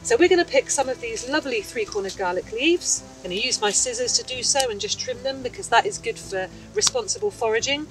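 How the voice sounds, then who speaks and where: A woman's voice: a little high, expressive, fairly quick, few pauses, distant mic, faint music behind, poor audio. A woman in her thirties chattily teaching about wild plants, recorded outdoors in a hedgerow lane and woodland. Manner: bright, chatty, enthusiastic explaining. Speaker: foraging teacher. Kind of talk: outdoor foraging lesson.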